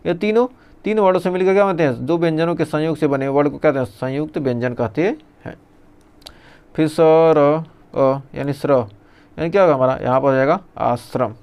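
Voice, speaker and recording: A male teacher runs an exam revision lesson, reading lists aloud and answering the questions he puts to himself. His voice is smooth and clear and sits a little high for a man. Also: quick pace, a little mellow.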